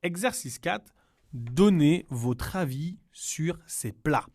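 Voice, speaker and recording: A man teaching to beginners, repeating words slowly and explaining in Spanish, patient and clear. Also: on the high side, animated, darkish tone. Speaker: French teacher. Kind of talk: slow, clear language lesson.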